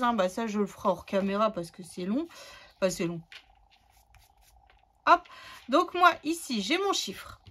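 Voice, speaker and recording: A woman's voice: a little high, a bit bright. A woman hosting a scrapbooking tutorial, chatting casually and thinking aloud as she works, with many fillers.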